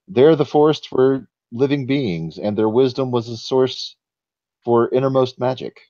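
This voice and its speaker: A man playing an ancient, sleepy male giant who tells old legends slowly and solemnly in a tabletop game. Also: mid-range voice, dark tone, no room sound, dull audio, close to an everyday voice.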